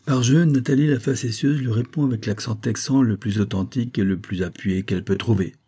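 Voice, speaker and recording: A man reading an audiobook novel in a calm, measured first-person narration. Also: mid-range voice, husky. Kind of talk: scripted narration.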